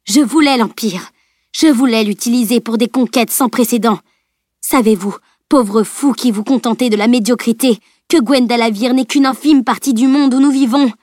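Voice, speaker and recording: A woman's voice: a little high, normal speed, darkish tone, dry recording, clean studio sound, pitched above the performer's own voice, close to an everyday voice. A woman voicing a dying, power-mad female sorceress who spits contempt and hatred in an audiobook reading. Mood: grandiose. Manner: spitting venom, grandiose and contemptuous.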